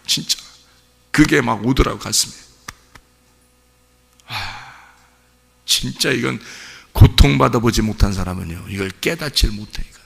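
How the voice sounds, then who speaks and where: A male pastor preaching an impassioned sermon at a dawn church service, swinging between hushed asides and emotional outbursts. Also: medium pitch, normal speed, gravelly, long pauses, breathy edge. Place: church sanctuary. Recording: reverberant church hall.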